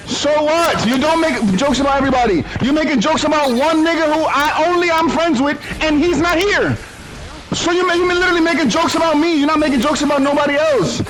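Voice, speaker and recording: A very high-pitched man arguing heatedly in a voice chat. He is angry and profane, and he keeps repeating the same lines as he presses his point. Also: background noise. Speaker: voice chat participant. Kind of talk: heated argument.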